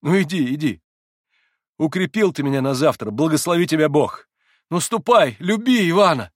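A man voicing an anguished young man awaiting trial, speaking with urgent, impassioned pleading that climbs toward desperate shouts. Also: medium pitch, lively intonation, a little fast, vocal fry, husky, no room sound, studio quality. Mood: relieved. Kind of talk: audiobook character voice.

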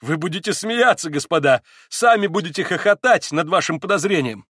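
A jittery young man under interrogation, gushing and exclaiming, as a male reader puts him on. His voice climbs high and loud, heard dry and close with no room around it. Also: expressive, breathy edge, no room sound. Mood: excited. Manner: fast, nervous, effusive, exclaiming. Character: agitated young male suspect under questioning.

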